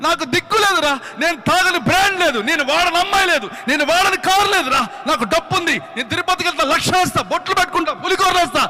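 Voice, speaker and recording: Wailing drunk confessor voiced by a preacher, high and boastful, in a booming hall. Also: male voice, animated, fairly quick, pauses often, natural voice. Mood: boastful despair. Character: drunken, grieving rich man confessing.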